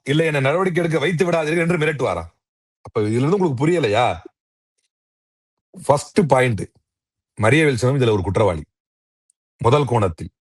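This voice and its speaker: A political commentator appears as an interview guest, arguing heatedly in a combative, mocking way and firing off rhetorical questions. His voice is mid-range. The recording is dry and studio quality.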